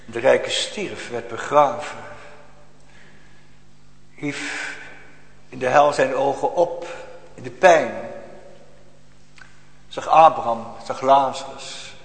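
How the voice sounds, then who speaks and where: A man preaching a sermon to a congregation, slow and solemn, rising to emphatic outbursts, recorded in a church. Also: mid-range voice, creaky, reverberant, long reverb tail, poor audio.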